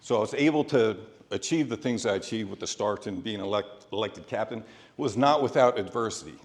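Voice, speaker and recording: A man's voice: lowish voice, a little fast. Man giving motivational speech in echoey hall. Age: middle-aged. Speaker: motivational speaker. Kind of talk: prepared motivational speech with a sports theme. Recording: echoey hall with long reverb.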